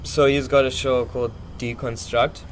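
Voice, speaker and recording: A man's voice: medium pitch, level tone, moderate pace, a little hiss or hum. A man chatting casually as a musician in an interview, loose, slangy and rambling. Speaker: musician, podcast guest.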